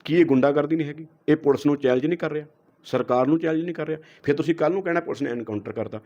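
Punjabi guy lecturing fast in an interview, kinda high voice, dull lo-fi sound. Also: mellow. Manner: lecturing, asks rhetorical questions. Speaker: interview guest. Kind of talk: heated interview answers. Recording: dull lo-fi recording.

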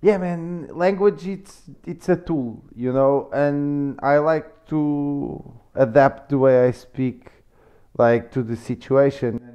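A man from Portugal with a Portuguese accent, a guest chatting in a relaxed, meandering way in English. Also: on the high side, slow pace, clear, resonant tone. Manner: relaxed, meandering explanations with fillers. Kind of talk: casual conversational interview. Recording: slightly muffled podcast audio.

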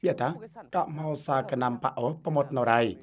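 A man giving scripted narration for a television feature, reading in a steady, even way. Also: medium pitch, a little fast. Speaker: news narrator.

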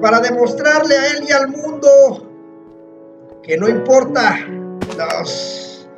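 A man with a high voice narrates his own gaming run in a boastful, mock-heroic tone, often breaking into loud exclamations. He drags his words out slowly. Faint music plays softly behind him. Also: lo-fi sound. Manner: excitable, dramatic self-hype, mock-heroic third-person boasting; frequent exclaiming and shouting. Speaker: gamer playing a parkour map. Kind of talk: excitable gameplay commentary.

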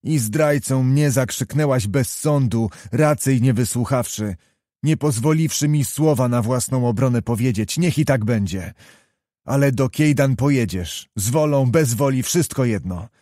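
A man's voice: medium pitch, measured pace, mellow, no echo, clean studio sound, lightly acted. Man reading as a proud, hot-tempered young nobleman. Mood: bitter. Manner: vehement, reproachful pleading.

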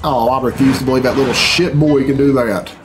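Over very noisy audio, a middle-aged man hosting reaction videos speaks briskly in a steady, medium-pitched voice. His casual commentary is profane, sarcastic and bemused, delivered as a grumble. He's indoors in a small bedroom, with video game cutscene music in the background.

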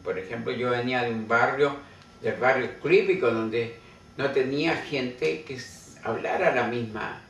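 An older man, a painter and writer, narrating a reflective story in a slow, musing way with hesitant fillers. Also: medium pitch, fairly bright tone. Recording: echoey, distant mic with noisy ambience.

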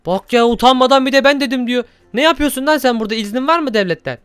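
A man narrates a Minecraft role-play quickly and theatrically, scolding and sighing as he goes. His voice is crisp and clear. It is recorded close on a desk mic in a dry, dead room. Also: very high voice, fairly bright tone, dry recording. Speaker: gaming youtuber host.

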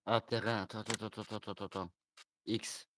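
Low-ish voiced guy calmly walking his buddy through a farm game. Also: fairly quick, a little hiss or hum. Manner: calm, explains steps patiently. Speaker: friend in a multiplayer game. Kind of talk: casual gaming chat.

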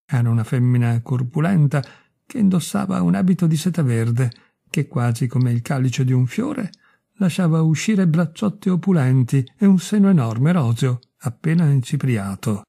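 Male storyteller, mellow dark voice, husky, measured and expressive reading. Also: medium pitch. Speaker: reader of literature.

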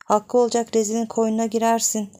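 A woman voicing a rough, jealous young village man who talks in a gruff, demanding way. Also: on the high side, completely flat delivery, fast talker, warm tone, pitched above the performer's own voice, lightly acted.

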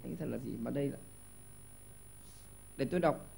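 A man hosting a TV quiz show in a studio, giving lively hints and often stumbling over repeated words. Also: medium pitch, normal speed, creaky, a little hiss or hum. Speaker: game show host.

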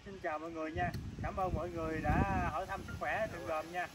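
A man's voice: on the high side, steady tone, fast talker, very noisy. A man, joking in an easygoing way during a family meal chat.

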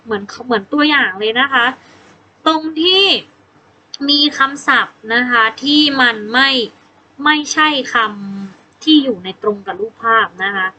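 A woman with a Thai accent teaches children English in a slow, patient way, repeating words and sounding out their first letters. Her voice sits high and bright. A faint background noise runs under the recording. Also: animated, rough recording. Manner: spells out words sound by sound, gentle prompting questions. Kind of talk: slow, patient classroom instruction.

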